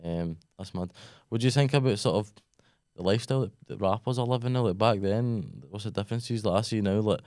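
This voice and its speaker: A young Scottish man hosting a podcast, asking long rambling questions in an animated, sweary way. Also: lowish voice, quick pace, no room sound, clean studio sound. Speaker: podcast host. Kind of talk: casual interview chat.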